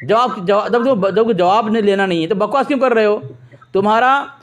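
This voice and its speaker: A debate host on a phone call argues in a heated religious debate, his voice sitting high and brisk. He's combative and mocking, repeating himself to interrupt the other side.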